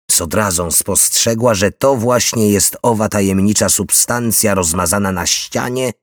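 A man reading a novel aloud in a steady, measured storytelling voice. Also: deep voice, no room sound, studio quality. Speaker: audiobook narrator. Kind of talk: scripted narration.

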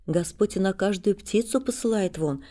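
Woman reading a soft-spoken pious armless man, kindly and consoling, mellow. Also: sits high, moderate pace, lightly acted. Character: armless old man, gentle, pious comforter.

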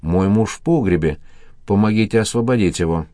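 A man's voice: fairly low pitch, brisk, mellow, dry recording, clean studio sound, close to an everyday voice. A man reading an audiobook, voicing a distraught middle-aged mother pleading for help.

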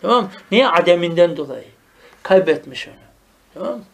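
A man teaching a traditional madrasa-style Arabic grammar lesson. He explains the text line by line, often asks "tamam mı?", and reads Arabic phrases slowly. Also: high-pitched, animated, creaky.

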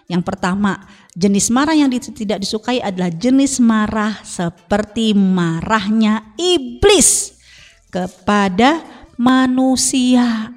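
A middle-aged woman religious teacher giving an Islamic family talk on the radio, expressive and animated in her asides. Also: fairly high pitch, big-room sound. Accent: Indonesian.

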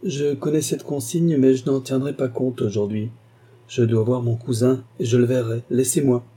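A man's voice: mid-range voice, fairly even intonation, moderate pace, dark tone, breathy edge, pitched above the performer's own voice, close to an everyday voice. A man voicing a proud young heir who speaks curtly and firmly in a storybook reading. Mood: cold firm. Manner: curt, determined. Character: proud young male heir, cold and firm.

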